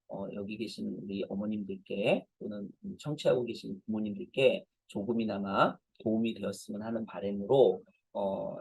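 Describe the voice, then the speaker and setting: Man in his forties lecturing parents as a professor, dark and husky, anecdotal and self-deprecating. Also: lowish voice, no echo, low-quality recording. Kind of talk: conversational lecture.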